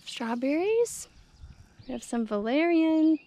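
On a hot day, a young woman who vlogs about her homestead walks the camera through her rural garden, recording on a handheld action camera. She sounds high-pitched and mellow with big pitch swings, taking it slowly, chatting easily and using plenty of fillers.

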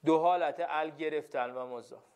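A man's voice: on the high side, darkish tone, clean tone. A male teacher giving a classroom lesson, repeating phrases and often checking that the students follow.

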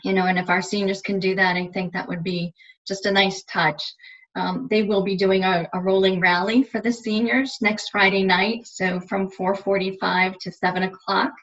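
A woman's voice: mid-range voice, level tone, normal speed, a bit bright. Encouraging woman on dull call audio. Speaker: guest speaker. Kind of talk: video call interview. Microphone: laptop webcam video call.

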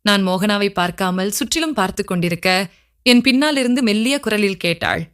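A woman narrates a scripted story. Her reading is steady and even. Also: medium pitch, moderate pace, clean tone.

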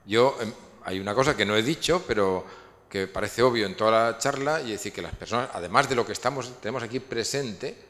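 A man's voice: on the low side, fairly quick, a bit bright. Man lecturing in a reverberant hall. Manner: rambling, many restarts and fillers. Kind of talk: public lecture with audience questions.

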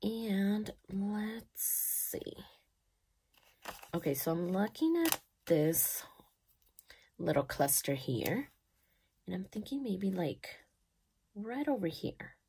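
Slow, gravelly-voiced chatty woman. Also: mid-range voice, very animated. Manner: chatty and gushing, thinking aloud, soft at times. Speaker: planner vlogger. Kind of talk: casual voice-over while decorating a planner.

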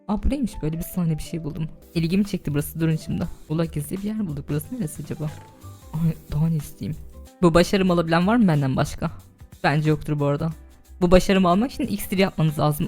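Fast-talking young woman streaming a game. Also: deep voice, warm tone. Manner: chatty, talks to chat, bursts into shrieks and laughter. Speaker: streamer and server admin. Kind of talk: casual live gaming stream chat.

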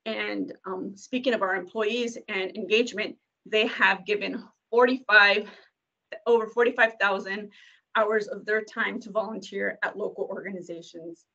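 Woman, corporate presenter on a video call; brisk, filler-heavy, muffled lo-fi audio. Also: medium pitch, fairly even intonation, vocal fry, pushed and bright. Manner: many ums and uhs, brisk. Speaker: corporate community engagement presenter.

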